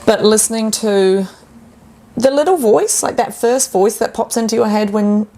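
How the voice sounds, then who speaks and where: A woman health coach talking casually on a podcast, acting out the inner voices of her clients with animated turns. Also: on the high side, moderate pace.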